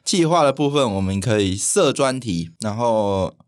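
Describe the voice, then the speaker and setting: 一位带台湾口音的男主持人，用轻松聊天的方式做播客，说话爱开玩笑、常带笑意。. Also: male voice, medium pitch, expressive, normal speed. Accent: Taiwanese. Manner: jokey, laughs often. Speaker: podcast host. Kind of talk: casual, bantering podcast chat.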